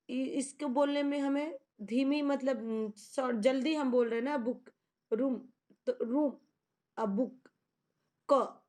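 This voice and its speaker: A young woman teacher giving a phonics lesson to students. She reads English lines slowly word by word, asks questions and answers them herself. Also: high voice, warm tone. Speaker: school teacher. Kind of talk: online English phonics lesson explained in Hindi.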